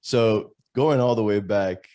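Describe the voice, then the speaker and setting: A male podcast host asks questions in a casual interview. His voice sits on the low side. He stays relaxed and laughs along with his guest. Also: slow pace, smooth.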